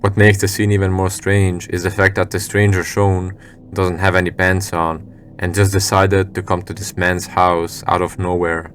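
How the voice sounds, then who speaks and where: A man reading scripted narration for a scary video compilation in a measured, serious storytelling manner. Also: sits low, flat delivery, a bit bright, slight background noise.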